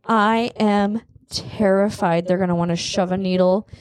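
Chatty mom, dry close voice. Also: female voice, medium pitch, steady tone, a little slow, darkish tone, smooth, no room sound. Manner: chatty, blunt, acts out quotes dramatically. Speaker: mother and podcast host. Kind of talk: casual family chat.

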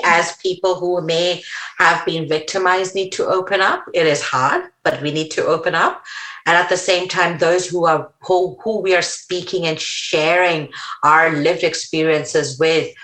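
A woman guest in a conversational interview, speaking English with a mixed Indian, American and Australian accent, animated, laughing often and restarting sentences. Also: fairly low pitch, a little slow, roomy sound, low-quality recording.

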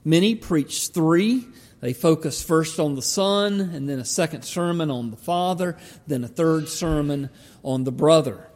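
A man preaches in a Georgia drawl, his voice mellow and slightly high for a man. He delivers his sermon deliberately, with halting pauses. The sound rings with the long reverb of a large hall. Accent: Southern US, Georgia drawl. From Georgia, United States. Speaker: pastor.

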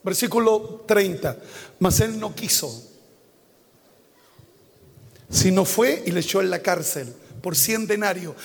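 A high-pitched man preaches, reading scripture aloud and repeating phrases for weight. He breaks into animated, loud impressions of the people in the story. His voice carries a long reverb, as in a large hall. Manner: animated, acts out Bible characters with sudden loud exclamations; reads scripture verse by verse and repeats key phrases for emphasis. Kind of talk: sermon.

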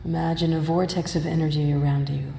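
Low-voiced woman guiding meditation, roomy reverb. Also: flat delivery, gravelly, mellow. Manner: slow, measured, soothing instruction with long pauses. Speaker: meditation and yoga teacher. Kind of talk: guided meditation. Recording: roomy hall reverb, faint noise.

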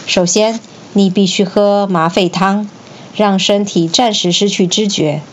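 A woman's voice: mid-range voice, steady tone, measured pace, a little hiss or hum, natural voice. Brief: woman playing an old doctor, earnest and assured, near her own voice, dull lo-fi recording. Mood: confident. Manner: self-assured, then pleading. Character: earnest, confident old male physician.

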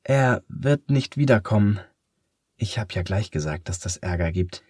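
A man voicing a flustered female schoolteacher, cold and hostile toward a strange pupil, in a hurried, clipped manner. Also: fairly low pitch, lively intonation, a little mellow, breathy edge, no echo, studio quality. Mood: stern.

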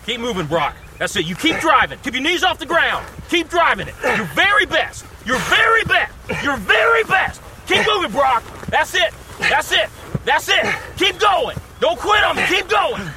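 An actor playing a demanding football coach who pushes his player with short, repeated commands on an outdoor field. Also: extremely high pitch. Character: demanding, relentless male high school football coach. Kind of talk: film drama acting. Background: film score music.

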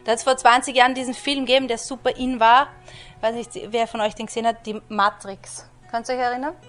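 A woman's voice: a little high, flat delivery, fast talker, fairly bright tone, faint music behind. A woman preaching a conversational sermon who keeps asking her listeners rhetorical questions. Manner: chatty, asks listeners rhetorical questions, often says "you know".

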